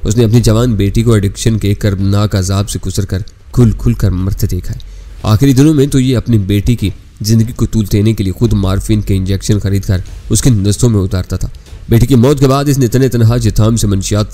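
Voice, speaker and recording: A man narrating a spy story in a steady storytelling manner, reading all the characters' lines in his own voice. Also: fairly low pitch. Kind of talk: scripted audiobook narration.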